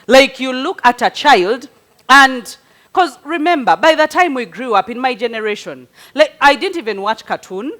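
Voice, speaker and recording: A high-voiced woman answers parenting questions for a group in a conversational advice talk. Her English, not her first language since she grew up with a local one, comes at a moderate pace, and she's animated, telling stories and tossing out rhetorical questions.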